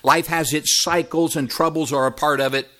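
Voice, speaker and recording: Man, 50s, pastor; sermon delivery that swells high and sinks low, bright and pointed. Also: steady tone, moderate pace. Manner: preaching with sweeping rises and drops in voice.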